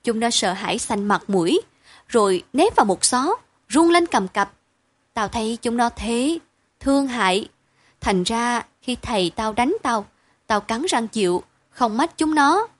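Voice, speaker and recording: A woman narrating a story aloud in a measured storytelling read. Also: fairly high pitch, lively intonation, no echo. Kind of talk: audiobook narration.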